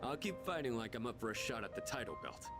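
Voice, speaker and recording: An actor playing an earnest, determined teenage boxer in a dubbed anime game, resolute and plain-spoken. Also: male voice, mid-range voice, sing-song, quick pace, lightly acted. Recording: loud music over the dialogue.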